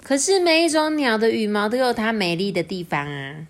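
A woman voicing a curious, cheeky little crow in a children's picture-book reading, asking bright, teasing questions. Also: on the high side, animated, brisk, voice pushed up.

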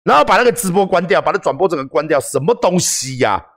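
A Taiwanese man with a Taiwanese Mandarin accent ranting on a livestream, profane and heated, swinging between calm lecturing and yelling. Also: fairly high pitch, fast talker. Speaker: livestream host. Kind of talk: livestream rant.

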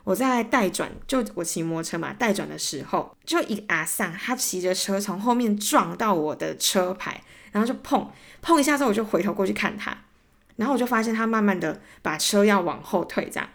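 A woman's voice: medium pitch, lively intonation, brisk, vocal fry. A young woman with a Taiwanese Mandarin accent hosting a solo podcast, telling stories animatedly and acting out both sides of arguments, growing exasperated. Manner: gets heated and exasperated while retelling. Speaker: podcast host. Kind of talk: casual solo ranting storytelling.

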